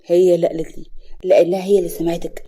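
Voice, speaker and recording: A torn young husband in an Egyptian family drama, speaking in a deliberately lowered voice that a woman puts on. He talks quickly and earnestly, caught between his wife and his mother. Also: level tone, mellow, husky. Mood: agitated. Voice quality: lowered, pleading voice.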